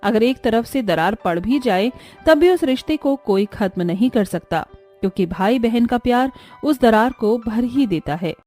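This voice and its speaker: A woman narrating a cartoon story in a gentle, moralizing storytelling voice. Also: on the high side, lively intonation, a little slow, soft background music.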